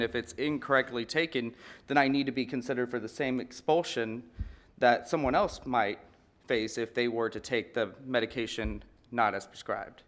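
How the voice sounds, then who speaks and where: A man's voice: medium pitch, a bit bright. A man in his thirties giving an earnest, conversational breakout talk from a podium microphone in a large conference hall, often repeating words as he restarts sentences.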